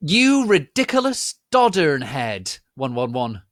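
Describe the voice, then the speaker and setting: A man's voice: fairly high pitch, wildly swooping pitch, takes it slowly, no echo, studio quality, pitched above the performer's own voice, full character voice. A man voicing an angry, hysterical villain professor in a hammy, theatrical stage-actor manner for a dramatic fan fiction reading. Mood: outraged.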